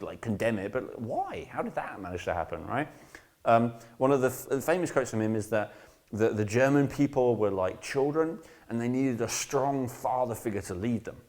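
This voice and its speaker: A man's voice: mid-range voice, darkish tone. A man teaching an online course in a casual, rambling lecture, emphatic and blunt, often checking in with "right?". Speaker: course instructor.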